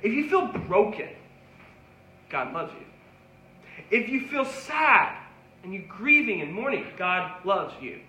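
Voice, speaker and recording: A man preaching in a high, bright voice, earnest and pleading as he repeats his calls. The sound carries an echoey room around him, with faint ambience underneath. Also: very animated, slow, long pauses. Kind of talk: sermon.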